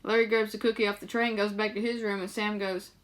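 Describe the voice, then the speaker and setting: A woman's voice: mid-range voice, little pitch movement, fast talker. A young woman talking casually to her viewers, rambling through loose, profane stories full of fillers. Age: young adult. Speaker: vlogger.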